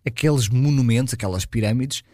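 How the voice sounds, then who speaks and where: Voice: mid-range voice, brisk, warm tone, no room sound, clean studio sound. A children's programme co-host with a European Portuguese accent, chatting expressively and reassuringly to young listeners. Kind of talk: scripted chatty co-hosting for children.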